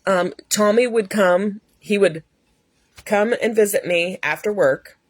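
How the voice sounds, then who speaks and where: A woman's voice: mid-range voice, measured pace, dry recording. A woman in her fifties sharing a personal faith testimony in an earnest, emotional storytelling way. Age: 50s. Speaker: host.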